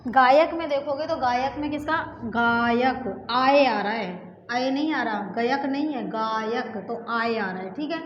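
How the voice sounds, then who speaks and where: Slow, high-voiced woman teaching grammar. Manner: patient, repetitive, checks in with 'okay' often. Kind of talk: exam-prep grammar lesson. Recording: echoey room, dull sound, faint hiss.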